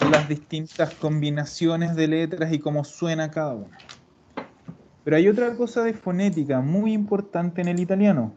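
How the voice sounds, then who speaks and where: A man teaching an online Italian class, explaining slowly and patiently to his students. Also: fairly high pitch, a little mellow, a little hiss or hum. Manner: slow, patient explaining, addresses students formally. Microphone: video call. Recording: dull lo-fi video call audio.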